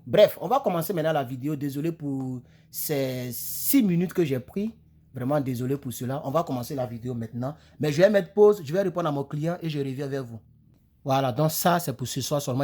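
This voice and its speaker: A French-speaking man giving a casual English lesson on a phone camera. He rambles and repeats himself, leans on "voilà" and "ok", and slows right down to spell out English phrases. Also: mid-range voice, darkish tone, husky. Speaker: English teacher. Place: home, filming on a phone in front of him. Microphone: phone camera close in front.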